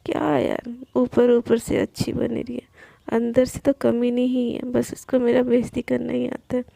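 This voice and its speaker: A woman's voice: high-pitched, fairly even intonation, moderate pace, creaky, warm tone, no echo. A woman voicing a playful young woman who teases her friend and coaxes her with pleas, told as a spoken love story. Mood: grumbling. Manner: teasing, coaxing.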